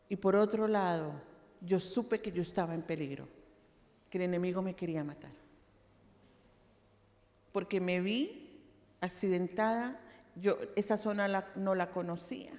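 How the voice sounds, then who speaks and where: A woman's voice: medium pitch, a little mellow. A woman pastor preaching a personal testimony sermon, telling her story dramatically with repeated phrases. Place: large church hall. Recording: reverberant church hall.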